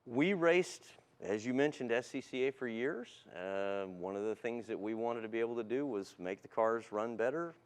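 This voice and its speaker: In an interview, a guest car tuning specialist gives a plain product explanation, polite and matter-of-fact. He speaks at a moderate pace with hardly any pauses, his medium-pitched voice animated and clean in tone.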